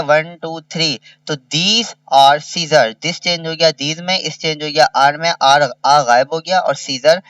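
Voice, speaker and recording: A man's voice: on the high side, a bit bright, no echo, distant mic. A man teaching a kindergarten revision lesson. He spells each word letter by letter and repeats it. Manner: slow, spells words letter by letter and repeats them.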